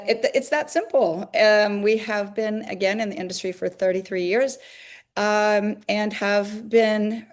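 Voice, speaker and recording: A woman, a longtime fitness business owner, explaining her company at length in an interview, with many fillers. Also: medium pitch. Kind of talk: interview answers.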